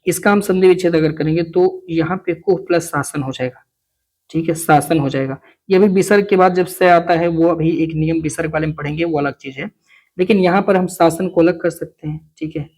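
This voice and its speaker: A slightly high-voiced man teaching a Hindi grammar class for an exam. He works through examples step by step in a friendly, easygoing way. He keeps checking in with his students and calls them by familiar words. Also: fairly even intonation, fairly quick, a little mellow. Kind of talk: exam coaching lesson.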